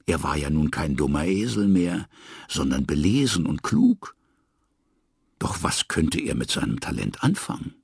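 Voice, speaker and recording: A man reading a children's story aloud in an expressive, lively way. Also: very deep voice, a little slow, creaky, husky, no room sound, studio quality.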